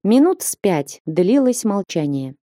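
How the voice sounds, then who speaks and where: A woman narrating a classic novel as an audiobook in a calm, even storytelling manner. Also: medium pitch, a little slow, no room sound, studio quality. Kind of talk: scripted literary narration.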